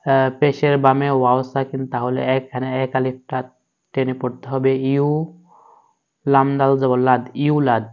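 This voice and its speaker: A man's voice: medium pitch, level tone. A man, teaching Quran recitation by breaking each word into letters and syllables. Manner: slow, syllable by syllable, level delivery. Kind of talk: slow spelled-out recitation lesson. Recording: dull lo-fi recording.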